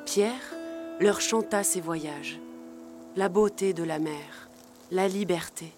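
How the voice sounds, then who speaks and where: A woman reading a children's storybook aloud in a gentle, measured storytelling voice. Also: fairly low pitch, over music. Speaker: narrator. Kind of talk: scripted storybook narration.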